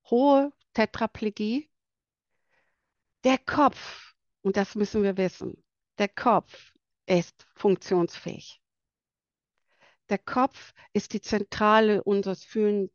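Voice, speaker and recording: A woman with a light, bright voice giving an earnest presentation about palliative care for children, pausing now and then to search for words. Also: mid-range voice, dry recording, highs cut off. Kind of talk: presentation to an audience.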